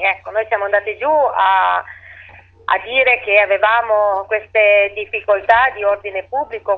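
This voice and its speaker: A woman, a town mayor, answering interview questions over the phone in halting speech that often restarts its phrases. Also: medium pitch. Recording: tinny phone line.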